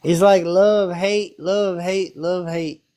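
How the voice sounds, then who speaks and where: A man's voice: high voice, fairly even intonation, takes it slowly, darkish tone, clear, resonant tone. A man from South Memphis with a Southern accent, chatting casually on a call, laid-back, laughing often and cursing freely. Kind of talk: casual chat.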